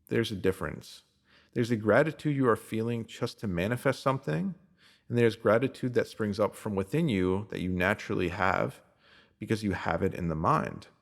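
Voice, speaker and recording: A man with a lowish, gravelly voice narrates a scripted spiritual self-help piece, speaking directly to the listener in a measured, instructive way.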